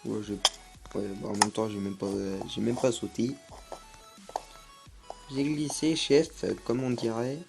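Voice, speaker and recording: A man's voice: mid-range voice, measured pace, long pauses, over music. Hesitant young man narrating gameplay. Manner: hesitant, many fillers. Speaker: gaming YouTuber. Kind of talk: casual gameplay commentary.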